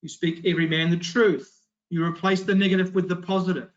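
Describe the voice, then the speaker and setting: A man's voice: high voice, little pitch movement, fairly quick. A man giving a Bible study talk, emphatic and fond of rhetorical questions. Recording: dull lo-fi recording.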